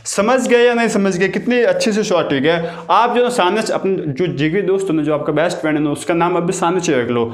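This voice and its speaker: Chatty teacher with a high, echoey voice. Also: male voice, fairly quick, few pauses. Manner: chatty, keeps asking "got it?". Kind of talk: exam-prep grammar lesson. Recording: echoey room.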